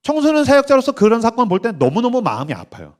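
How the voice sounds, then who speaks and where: Animated man in his forties preaching. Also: extremely high pitch, quick pace. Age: 40s. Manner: animated, acts out quoted voices, leads call-and-response. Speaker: pastor. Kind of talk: lively youth camp sermon. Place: church stage at a summer camp.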